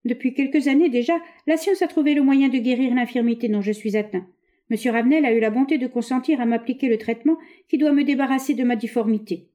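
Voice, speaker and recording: A woman's voice: fairly high pitch, fast, mellow, voice pushed up, close to an everyday voice. A woman reading aloud, voicing a polite, earnest hunchbacked man who explains himself courteously.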